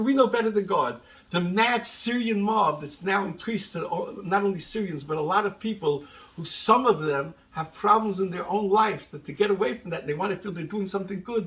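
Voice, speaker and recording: Emphatic rabbi lecturing, slightly high voice. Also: male voice, a bit bright. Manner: emphatic, repeats phrases for stress, uses Hebrew and Yiddish terms. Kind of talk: lecture to an audience.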